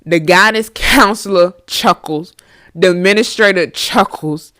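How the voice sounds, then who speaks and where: A woman podcast host telling a casual storytime tale. Her delivery is animated and profane, and she uses a lot of filler words. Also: on the low side, unhurried, no echo, clean studio sound.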